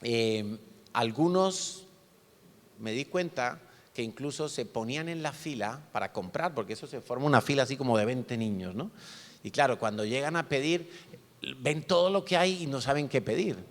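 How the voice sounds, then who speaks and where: A man delivers a sermon built around a personal anecdote, and he acts out the dialogue in animated voices. His voice sits at an ordinary middle pitch. The sound carries the long reverb of a church hall. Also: normal speed. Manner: lively storyteller acting out dialogue. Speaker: preacher.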